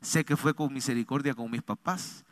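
A middle-aged man, a pastor, giving a testimony sermon in church, moving between hushed confession and fervent preaching, calling listeners brother and church. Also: mid-range voice, moderate pace. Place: church before a congregation.

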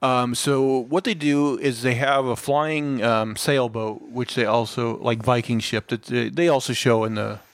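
A man's voice: medium pitch, fairly even intonation, a little slow, hardly any pauses, no room sound. A man co-hosting a casual film review podcast, retelling the plot in a rambling way with lots of fillers and restarts. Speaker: podcast co-host.

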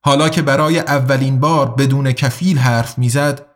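A man narrating an audiobook in a measured, even reading voice. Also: medium pitch.

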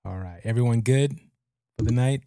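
A man's voice: mid-range voice, moderate pace, warm tone, dry recording, studio quality. A man hosting a podcast, introducing things in a casual, conversational way. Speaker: podcast host.

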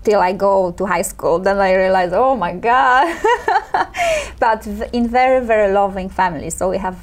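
A woman in her thirties from Poland with a Polish accent, chatting as an interview guest, often laughing and pausing with fillers. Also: medium pitch, very animated. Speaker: guest entrepreneur. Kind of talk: casual interview chat.

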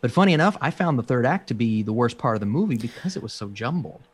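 A man's voice: medium pitch, animated, quick pace, slightly rough. Male podcast co-host and film critic, easygoing casual delivery. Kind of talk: casual chat.

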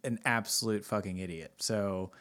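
A man's voice: on the low side, fairly even intonation, normal speed, fairly bright tone. A man co-hosting a podcast in casual chat, joking and swearing, laughing often. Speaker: podcast co-host.

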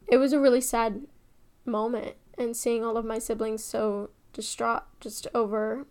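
Young woman, kinda high voice, telling a heavy family story, goes quiet then gets all excited. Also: a little slow, clear, resonant tone. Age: young adult. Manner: emotional, swings from hushed to excited. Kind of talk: personal storytime.

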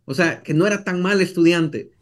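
His voice sits high and moves at a normal speed as the podcast guest recounts his life, speaking with a Salvadoran accent. He repeats phrases often and ends lines with tag questions, as in easy conversation.

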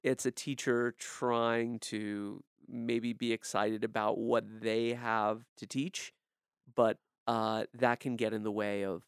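A man with a gravelly yet smooth, resonant voice talks in a reflective, measured way in a casual conversation. He thinks aloud as he speaks. The sound is dry and close to the mic. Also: mid-range voice, flat delivery, no echo.

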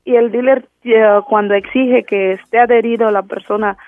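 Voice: medium pitch, fairly even intonation, moderate pace, dry recording. Hesitant caller on a tinny phone line. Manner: hesitant, searching for words. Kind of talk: phone call-in questions.

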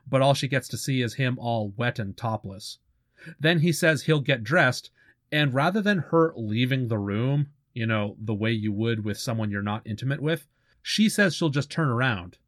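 A man's voice: mid-range voice, no echo, studio quality. A man recapping a movie plot in a casual commentary, with wry sarcastic asides. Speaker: movie reviewer.

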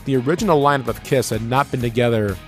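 Speaking quickly at a medium pitch, a male DJ and radio host spins casual, colloquial stories with a showman's touch during a sit-down interview. Faint music plays behind him.

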